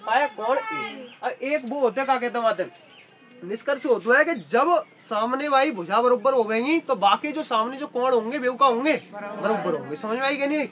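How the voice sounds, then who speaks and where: A woman's voice: on the high side, lively intonation, moderate pace, a bit bright. A woman teaching a math lesson in a regional Uttar Pradesh Hindi dialect, asking question after question and repeating the answers back. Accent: Western Uttar Pradesh Hindi dialect. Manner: repetitive call-and-response questioning in a rural dialect. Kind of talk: classroom tutoring lesson. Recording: noisy classroom with chatter. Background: students chattering.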